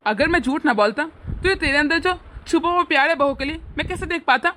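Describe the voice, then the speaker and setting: A woman voicing a middle-aged father-in-law who schemes kindly and scolds in a fatherly way in an animated family drama. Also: high voice, quick pace, a little hiss or hum.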